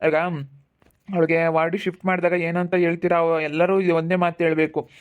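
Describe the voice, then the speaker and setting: An actor playing a calm male family elder who steadily consoles relatives and repeats his instructions. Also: a little high, a little fast, smooth, natural voice. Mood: firm. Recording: tinny phone-like sound.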